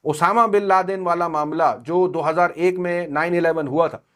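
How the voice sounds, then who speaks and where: A man's voice: a little high, steady tone, normal speed, fairly bright tone. Sarcastic man giving news commentary.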